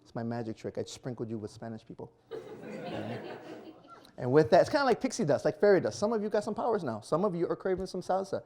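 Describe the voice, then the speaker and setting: A man in his thirties doing a stand-up comedy set, animated and self-mocking, acting out little scenes. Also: on the high side, fast. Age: 30s. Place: small performance venue before a live audience.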